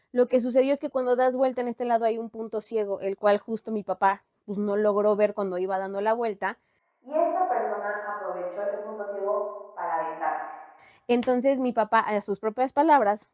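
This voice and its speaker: A young adult woman with a Mexican accent, telling a story in a lively, slangy, animated way. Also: a little high, dry recording, clean studio sound. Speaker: storytime vlogger. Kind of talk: casual storytime chat.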